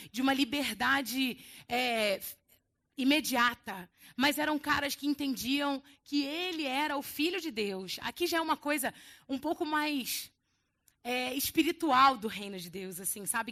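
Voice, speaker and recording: A woman with a Brazilian Portuguese accent preaching a conversational sermon to a church congregation, animated and full of casual asides. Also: high-pitched. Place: church service before a congregation.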